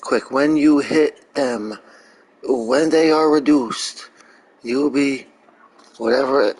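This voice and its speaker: Over poor audio, a man with a slow, husky, darkish mid-range voice streams himself reacting to a video game, chatting in a casual, profane way and rambling through crude humor.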